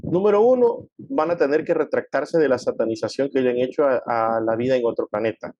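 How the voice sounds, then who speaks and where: A man explaining his views in a conversational discussion, acting out quoted people with lively voices. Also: mid-range voice, brisk, dry recording, lo-fi sound. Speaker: guest speaking on theology.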